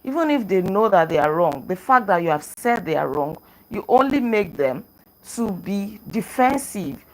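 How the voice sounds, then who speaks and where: A woman's voice: mid-range voice, sing-song, normal speed, rough recording. A woman host reviewing a self-help book in a casual teaching talk. She is earnest, repeats her points and often checks in with a questioning "right?". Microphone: clip-on microphone.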